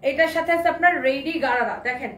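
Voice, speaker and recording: A high-pitched, hoarse woman from Bangladesh runs a live sales stream, coaxing buyers and saying the same things over and over. She stands a little back from the mic in a roomy shop with faint noise behind her. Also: quick pace, a bit bright. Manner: repetitive, coaxing, mixes English phrases. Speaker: online clothing seller. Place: clothing shop. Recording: roomy, slightly distant, faint background noise.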